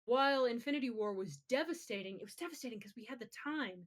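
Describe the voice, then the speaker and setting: Fast and expressive, her slightly high voice drives a casual podcast chat. As co-host, she dishes out emphatic, opinionated takes on pop culture and curses without holding back.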